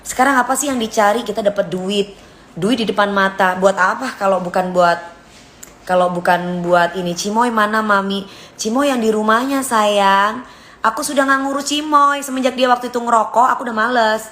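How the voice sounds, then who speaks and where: A singer chats casually with her followers on a live stream, her voice medium-pitched and her pace normal. She is blunt and lectures, offers examples, drifts from topic to topic, and now and then drops to a quiet voice.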